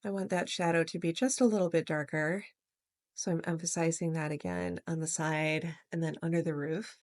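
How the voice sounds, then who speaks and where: A woman narrating her watercolor painting step by step in a gentle, explanatory way, as host of a real-time art tutorial. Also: sits low, animated, normal speed, no room sound.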